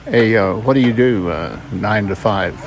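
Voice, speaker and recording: A man's voice: lowish voice, moderate pace, background noise. A man from Southern Illinois with a drawl of that region, casually interviewing campers at a campground and asking joking questions. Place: campground outdoors.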